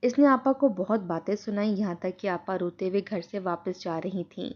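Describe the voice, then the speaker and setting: A woman narrating a first-person moral story in a steady, earnest storytelling tone. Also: medium pitch, highs cut off.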